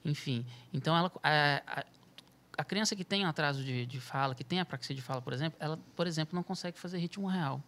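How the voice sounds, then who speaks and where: A man's voice: on the high side, fast talker, pushed and bright. A man, a music therapist and podcast guest, explains at length, restarting his phrases, adding tag questions and sometimes chanting rhythm syllables to demonstrate. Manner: thinks aloud with frequent restarts and tag questions.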